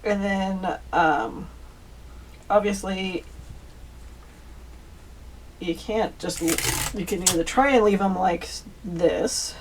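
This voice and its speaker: Taking things slowly and pausing often, this woman walks viewers through a craft project step by step in a medium-pitched voice. She's chatty and informal, addressing them as "you guys," and the distant mic picks up faint background noise.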